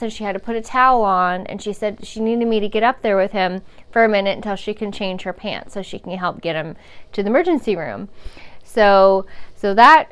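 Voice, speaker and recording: A woman's voice: mid-range voice, smooth. A woman telling a frank, rambling personal story about caregiving, with restarts, swearing and chuckles. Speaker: caregiver sharing her story.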